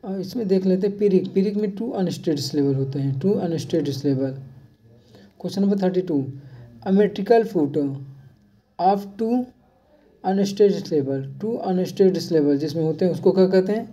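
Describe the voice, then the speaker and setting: A teacher leading an exam-prep lesson, reading each question slowly and repeating key terms. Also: mid-range voice, warm tone, distant mic. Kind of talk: exam-prep lesson, mixing Hindi and English. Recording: dull lo-fi sound from off-mic.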